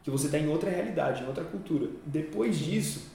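A man hosting a casual podcast talks fast in slangy phrases and cuts in often with short agreements. He sits back from the mic, so his voice comes across somewhat distant. The room is strongly echoey, with a faint background hiss. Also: a little high, expressive, creaky, warm tone. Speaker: podcast host.

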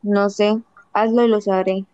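A worn-out husband in his fifties, dodging and flat-voiced, as a woman reads him. Her tone is smooth and even, and the dry, dull audio has faint music behind it. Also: mid-range voice, measured pace, no echo, natural voice. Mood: weary. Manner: tired, flat, dodging answers. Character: weary evasive husband of fifty-six, man. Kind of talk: audiobook dialogue reading.

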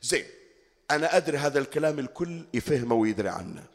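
A man's voice: medium pitch, expressive, quick pace. A man with a Bahraini accent preaching a colloquial sermon at a mourning gathering, often putting rhetorical questions to his listeners. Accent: Bahraini Arabic. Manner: asks the audience rhetorical questions. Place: mourning hall. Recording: long hall reverb.

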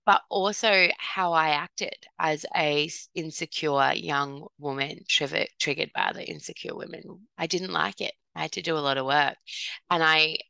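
A woman's voice: low voice, normal speed, creaky, pushed and bright, smooth, dry recording. A woman in her thirties, a podcast guest telling her business story in a chatty, self-deprecating way. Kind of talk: candid storytelling in conversation.

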